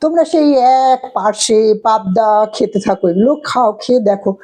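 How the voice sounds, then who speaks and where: A woman's voice: on the high side, animated, brisk, mellow. A woman playing a coaxing fish seller auntie. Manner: coaxing, persuasive bargaining. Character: chatty middle-aged woman fish seller.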